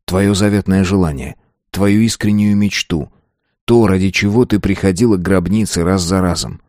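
A man's voice: sits low, moderate pace, darkish tone, dry recording, studio quality, natural voice. A man doing a harsh, short-tempered young man. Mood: cold brooding. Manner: gruff, scornful.

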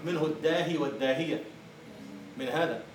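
Recorded far off in a room with lots of echo, this male university lecturer teaches by asking his students questions and supplying the answers himself. His voice is a little high and steady in tone, his delivery brisk, and the audio very noisy.

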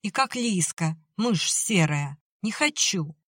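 A woman reading an audiobook, voicing a tearful, defiant young girl who talks in a high, strained voice. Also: expressive, slow pace, a bit bright, husky, no echo, clean studio sound, full character voice. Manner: tearful, pleading, high-strung.

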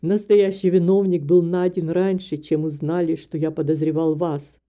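A woman doing an old guy full of guilt, voice dropped low and dark, heavy and pleading, storybook dad. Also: flat delivery, moderate pace, close to an everyday voice. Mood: remorseful. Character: remorseful old man, guilt-stricken father. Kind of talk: audiobook character reading.

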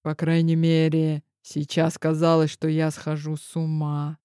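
A man narrating an audiobook in the first person, measured and dramatic. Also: on the high side, completely flat delivery, dark tone, smooth, no room sound, clean studio sound.

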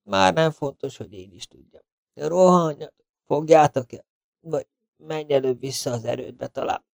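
A man's voice: fairly high pitch, gravelly, darkish tone, no room sound, studio quality, voice pushed up. A man voicing a badly wounded legionnaire who whispers weak, breathless last words. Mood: urgent whisper. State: dying, whispering.

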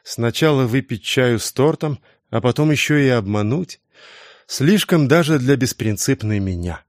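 A man narrating a novel at an even, measured pace, his voice of middling pitch. The recording is close and completely dry, with no room sound at all. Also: no room sound. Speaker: audiobook reader.

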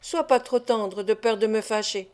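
A woman's voice: medium pitch, moderate pace, darkish tone, lightly acted. A woman reading an audiobook, voicing a boastful, greedy young man who talks in a brash, swaggering way.

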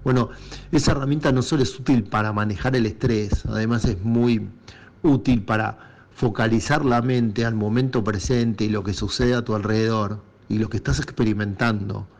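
A man's voice: fairly low pitch, fairly even intonation, moderate pace, a little mellow. A man with an Argentine Rioplatense accent hosting a casual reflective monologue, speaking encouragingly straight to his listeners. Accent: Argentine Rioplatense Spanish.

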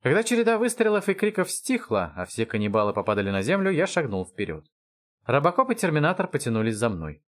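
Animated male audiobook narrator. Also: fairly high pitch, fast talker. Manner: wry, animated first-person hero voice. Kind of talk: first-person audiobook narration.

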